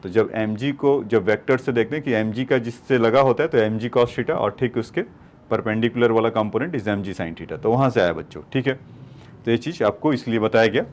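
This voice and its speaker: Working through problems at the board, this male physics teacher explains each step and addresses his class as children. His voice sits lowish, with a slight hiss or hum on the recording.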